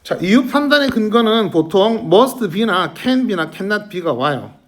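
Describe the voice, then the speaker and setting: Guy teaching english grammar to a class, high voice that jumps all over, keeps asking the kids questions. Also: slow pace. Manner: lively, questioning students constantly. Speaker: middle school English teacher. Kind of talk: classroom lecture.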